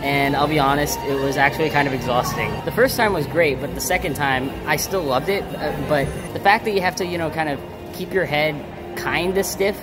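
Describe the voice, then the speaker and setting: A man's voice: on the high side, fairly quick. A man chatting casually and in a rambling, conversational way as a theme park vlogger. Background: loud music.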